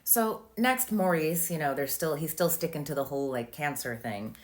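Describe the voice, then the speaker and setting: A woman retelling events from a trial in a casual vlog, with a sarcastic and animated way of speaking. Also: low voice, normal speed. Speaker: plaintiff recounting a trial.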